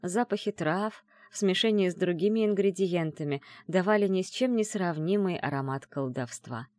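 A woman narrating a first-person fantasy audiobook in an expressive storytelling manner. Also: fairly low pitch, normal speed, no echo, clean studio sound.

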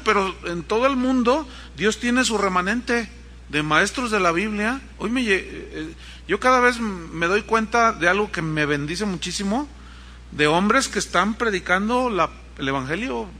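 A man's voice: high voice, unhurried. A man preaching a sermon in a conversational way, with asides to the congregation and acted-out quotes. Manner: animated storytelling, acting out quotes.

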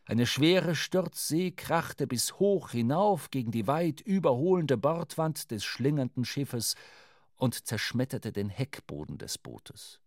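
Male narrator, radio drama: measured, vivid, dry studio sound. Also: medium pitch, very animated, darkish tone, dry recording.

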